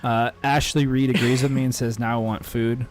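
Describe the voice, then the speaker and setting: A man's voice: mid-range voice, flat delivery, normal speed, faint music behind. A man co-hosting a casual livestream, playful and teasing as he reads chat comments aloud. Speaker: livestream co-host.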